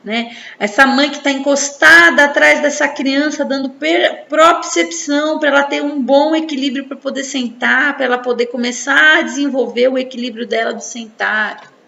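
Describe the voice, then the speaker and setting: A woman's voice: high-pitched, normal speed, vocal fry, hardly any pauses, sharp tone. A woman with a Brazilian Portuguese accent gives an informal talk on infant development. She keeps checking in with her listeners through tag questions. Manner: explanatory, with frequent tag questions. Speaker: psychology presenter. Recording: echoey room, dull sound, faint noise.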